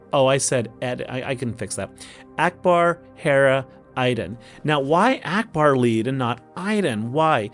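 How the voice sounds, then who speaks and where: A man with an Oklahoma accent giving casual strategy commentary as host of a gaming video, talking to himself in a folksy way. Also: mid-range voice. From Oklahoma, United States. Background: music.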